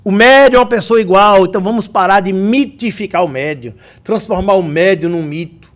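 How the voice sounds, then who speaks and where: A man's voice: sits high, fairly quick. A Brazilian man giving a good-humored spiritist lecture, telling anecdotes. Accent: Brazilian Portuguese. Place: lecture hall.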